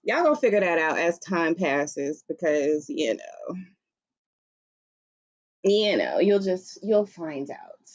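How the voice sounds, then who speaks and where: A livestream host and author with a Southern US accent chats casually and playfully from a beanbag in a room at home. Her voice is on the low side and very animated, and she takes it slowly with long pauses. She's recorded through the laptop's built-in mic with no plugged-in microphone, so the highs are cut off.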